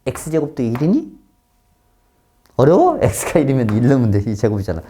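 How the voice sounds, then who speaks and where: Guy teaching math in class, lively swooping voice, keeps asking if students get it, blurts out loud. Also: medium pitch, moderate pace. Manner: keeps checking in with students, switching between polite and blunt speech; sudden loud exclamations.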